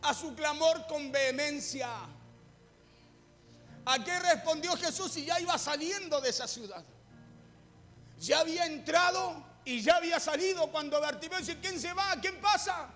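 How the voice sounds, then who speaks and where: Male preacher, very high and bright, fervent sermon that repeats its points, echoey church hall with faint music behind. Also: normal speed, long pauses. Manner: fervent, repeats phrases and calls on listeners to hear him.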